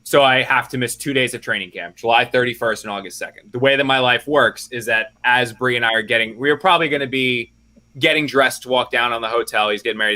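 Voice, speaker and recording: Bright-voiced rambling man on a podcast. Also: mid-range voice. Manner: rambling, self-correcting, joking asides. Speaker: football beat reporter, podcast co-host. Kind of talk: casual podcast chat.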